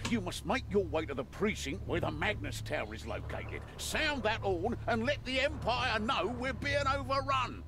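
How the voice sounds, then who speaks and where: Commanding game briefer, urgent, gravelly creak, loud music behind. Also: male voice, sits high, big pitch swings, normal speed, hardly any pauses, exaggerated voice. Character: commanding mission briefer in a dark fantasy game.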